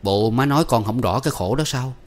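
A man voicing a young adult son who argues defensively with his mother, sheepish but quick to anger. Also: mid-range voice, close to an everyday voice. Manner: pleading, defensive.

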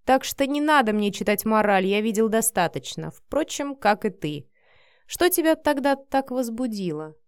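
A domineering man who snarls short, threatening lines, voiced by a woman narrator. The voice sits fairly high, and the recording is dry and close. It is audiobook character work. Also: expressive, moderate pace, clean tone, no echo. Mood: menacing. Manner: growling, curt and menacing. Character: domineering harsh male office boss.

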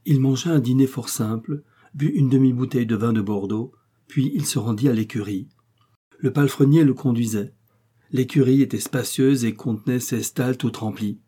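Male audiobook narrator, steady measured reading, mellow husky voice. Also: mid-range voice. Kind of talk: scripted narration.

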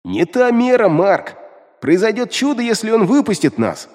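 A man's voice: high voice, sing-song, moderate pace, long reverb tail, voice pushed up. A man voicing a crude, mocking male demon who scolds the hero in an audiobook. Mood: scolding. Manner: scolding, rude, sharp-tongued. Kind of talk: audiobook character voice.

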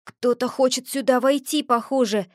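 A male cat familiar, put on by a woman, shouting brave threats while his nerves show. The voice sits high and carries an audiobook's dry, close sound. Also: fairly even intonation, normal speed, dry recording, lightly acted. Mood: puzzled. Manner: gruff threats, loud exclamations. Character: nervous male cat familiar, bold-talking.

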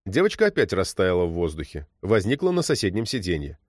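A man reading a story aloud as narrator, expressive and storytelling. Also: deep voice, brisk, dry recording, studio quality. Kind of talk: audiobook reading.

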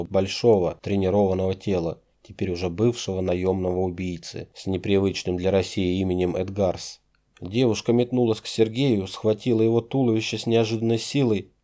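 Male audiobook narrator, low and mellow, measured and dramatic. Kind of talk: scripted narration.

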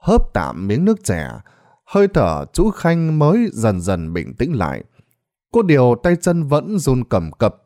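A man's voice: mid-range voice, huge pitch swings, unhurried, warm tone. A man reading a ghost story aloud in a dramatic storytelling manner. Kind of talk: scripted narration.

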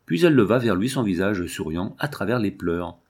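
A man narrating a classic novel as an audiobook, calm and measured. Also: fairly low pitch, husky. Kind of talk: audiobook reading.

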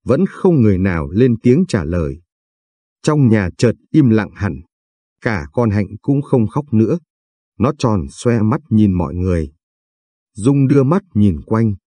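A man reading a sad story aloud as a narrator, slow, measured and somber. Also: on the low side, big pitch swings, dark tone, husky, no room sound.

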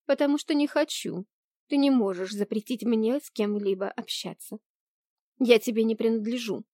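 A woman's voice: a little high, moderate pace, dark tone, dry recording, studio quality, close to an everyday voice. A woman voicing a hot-tempered young witch who talks back defiantly.

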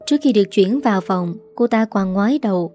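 A woman's voice: mid-range voice, lively intonation, fairly quick, mellow, faint music behind. A woman reading a serialized drama story aloud, voicing every character in her own voice. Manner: reads every character herself with small voice shifts.

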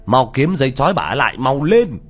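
A man's voice: medium pitch, very animated, moderate pace, husky, faint music behind, voice pushed up. A man voicing a stern older man in an audiobook horror story, barking orders urgently. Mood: urgent commanding.

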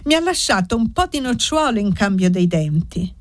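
A woman voicing a cheeky, lively little girl in a read-aloud novel. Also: mid-range voice, normal speed, natural voice. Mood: chatty.

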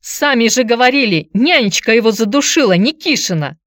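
A woman voicing a fussy, protective middle-aged aunt who talks in a shrill, quarrelsome way in an audiobook. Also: sing-song, normal speed, no room sound, studio quality, close to an everyday voice. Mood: shrill angry. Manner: shrill, shouting and rattling words off.

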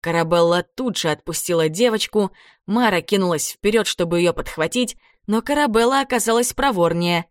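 A woman reading a children's adventure story aloud as narrator, in a dramatic, expressive way. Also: medium pitch, normal speed, dry recording, clean studio sound. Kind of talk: audiobook narration.

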